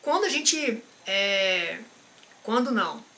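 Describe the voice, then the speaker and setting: Bright, high-voiced Brazilian male coach. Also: very animated, takes it slowly. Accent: Brazilian Portuguese. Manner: didactic, speaks straight to the viewer, checks in with a frequent "tá?". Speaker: behavior and emotional intelligence coach. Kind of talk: live-stream teaching talk.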